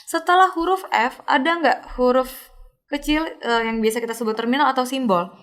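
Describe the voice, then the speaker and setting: A young woman teaching a recorded university lesson, explaining step by step with casual fillers and quick self-corrections. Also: high-pitched, a bit bright. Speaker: lecturer.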